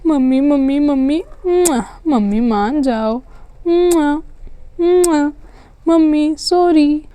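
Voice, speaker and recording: A woman's voice: sits high, expressive, slow pace, warm tone, no echo. A woman voicing whiny, mischievous little children in a homemade doll story, begging and using baby talk. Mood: pleading. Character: pleading mischievous little kid dolls. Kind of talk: doll story play-acting.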